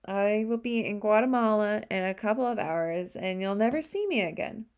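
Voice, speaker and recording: A woman's voice: medium pitch, moderate pace, clean tone, dull audio, close to an everyday voice. A woman voicing a foul-mouthed defiant vampire woman. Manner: cursing, sarcastic and defiant.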